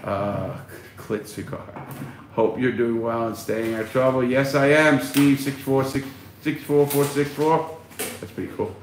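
Unhurried and steady, this middle-aged man's medium-pitched voice fills a casual livestream where he reads chat and fires back blunt, profanity-laced answers. The phone he records on sits at arm's length in a small home room, giving an echoey sound with a little noise.

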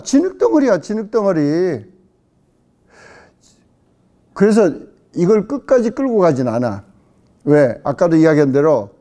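A middle-aged male pastor giving a casual Bible-study sermon, acting out questions with sudden loud outbursts and dropping in English words. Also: fairly high pitch.

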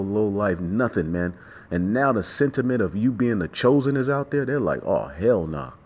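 A man's voice: lowish voice, a little mellow. A man giving an informal sermon as a religious teacher, speaking emphatically and repetitively with profanity. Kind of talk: informal sermon with scripture reading and commentary.

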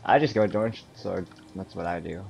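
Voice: low-pitched, moderate pace, vocal fry, darkish tone, dull audio, soft background music. A gamer chatting casually during an online match, recorded on a noisy mic with clicks. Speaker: gamer playing with a friend.

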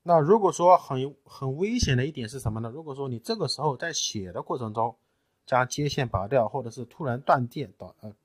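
A man in a technical tutorial, explaining each step patiently and often pausing with fillers. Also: mid-range voice, breathy edge, no echo. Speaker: tutorial presenter. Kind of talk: screen-recorded technical tutorial.

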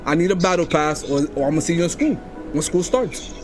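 With music playing behind him, this young man's slightly high, lively voice moves a little fast as he pranks people by phone. He wears a headset, sits indoors in his home streaming room, and pushes hard with plenty of street slang.

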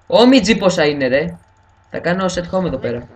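A young man with a cold, chatting excitably while gaming, swearing and joking often. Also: high voice, far from the mic. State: has a cold. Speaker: gamer host. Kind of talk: casual gaming chat. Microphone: headset mic.

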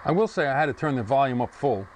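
Talking quickly with medium pitch and lively intonation, a man in his sixties who enjoys ham radio gives a relaxed review of a portable radio, musing aloud and fixing his own slips along the way. A lapel mic captures him at home and on a screened porch amid radio static and noise.

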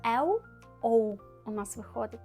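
A woman teaching Polish pronunciation, explaining patiently and clearly, demonstrating sounds slowly and repeating them. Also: on the high side, expressive, mellow, faint music behind.

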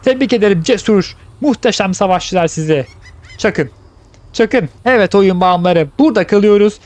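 A young man giving playful, chatty let's-play commentary, shouting excitedly in fights. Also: sits high, normal speed. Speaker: gameplay commentator.

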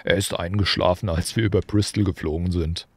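A man voicing a huge, soft-hearted male giant who speaks in a rough, folksy way. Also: sits low, steady tone, brisk, no echo. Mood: earnest.

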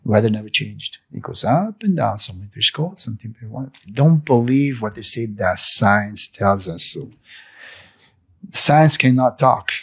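An animated, preachy cafe owner in his sixties delivers an impassioned monologue during a living-room interview, talking into a fluffy handheld mic and gesturing emphatically. He isn't a native English speaker, and his low voice, slightly rough with vocal fry, moves a little slowly.

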